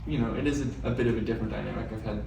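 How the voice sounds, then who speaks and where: A man acting as a troubled male client in a therapy role-play, hesitant and searching for words. The recording is echoey and distant, with clear background noise. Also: fairly low pitch, steady tone. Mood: earnest, searching. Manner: hesitant, searching, many hedging pauses. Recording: echoey room, distant mic, noisy background.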